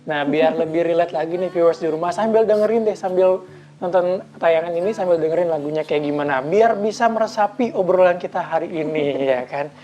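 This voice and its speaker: A woman's voice: on the low side, brisk, warm tone, highs cut off. A young adult woman hosting a casual TV interview, chatty and upbeat as she turns to the viewers. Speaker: TV show host.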